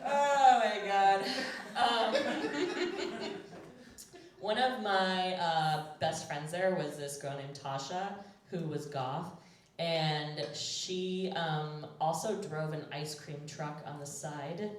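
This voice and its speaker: A woman's voice: deep voice, animated, takes it slowly. A woman hosting a live storytelling show, chatty and laughing often as she tells a story with lots of fillers. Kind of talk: casual personal storytelling on stage. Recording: very roomy, voice from far off.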